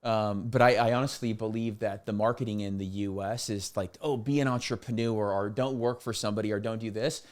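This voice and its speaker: A man's voice: on the low side, steady tone, fairly quick, hardly any pauses. Emphatic forty-year-old man, podcast guest. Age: 40s. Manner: emphatic, repeats words and says "literally" often. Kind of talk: casual conversational interview.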